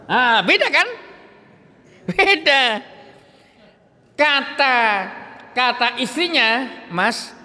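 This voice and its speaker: A man's voice: high-pitched, lively intonation, a little slow, pauses often, bright, forceful tone. A man preaching a casual religious lecture in a mosque, telling stories with laughter and talking straight to the congregation. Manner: chatty storyteller who laughs and addresses the audience directly. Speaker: Islamic preacher. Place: mosque hall. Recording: echoey mosque hall.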